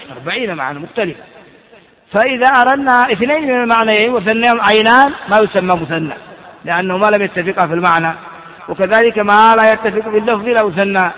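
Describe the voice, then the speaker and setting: A man teaching a classical Arabic grammar lesson, explaining slowly and putting questions to himself before answering them. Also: high voice, fairly bright tone. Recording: dull recording in a long-echo hall.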